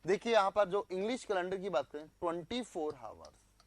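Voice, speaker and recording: A man's voice: sits high, expressive, fairly quick. A male teacher running a live online class, quizzing students, repeating their answers back and mixing in English phrases.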